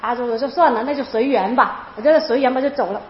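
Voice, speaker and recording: High, fast-talking woman in an echoey room. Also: slight background noise. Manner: animated, emotional retelling with many repeats. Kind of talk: personal testimony storytelling. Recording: roomy, dull lo-fi sound.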